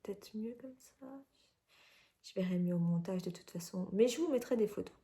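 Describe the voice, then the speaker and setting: A woman's voice: medium pitch, normal speed, mellow, echoey room. A woman from France chatting casually about her knitting at home, with lots of hesitations and fillers. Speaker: knitting vlogger. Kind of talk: casual chat. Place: at home indoors, near a window shutter.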